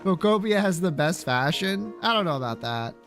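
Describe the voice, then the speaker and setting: With soft music in the background, a man chats with his stream's viewers as he plays a game, reacting in casual, blunt, slangy, and sweary talk laced with playful opinions. His voice sits high, a bit bright, with lively intonation at a moderate pace.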